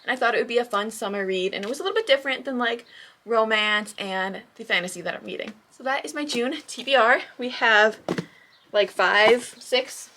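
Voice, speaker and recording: A woman vlogging at home about books, chatting casually in an excitable, gushing way with lots of fillers. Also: on the high side, fairly quick, a little hiss or hum. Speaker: book vlogger. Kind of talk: casual chat.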